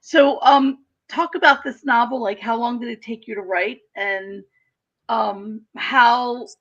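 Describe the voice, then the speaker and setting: Woman, host, bright sharp tone, chatty, hesitant, dull lo-fi audio. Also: a little high, slow pace. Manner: chatty, hesitant, lots of ums. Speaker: interviewer, host. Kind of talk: casual interview questions.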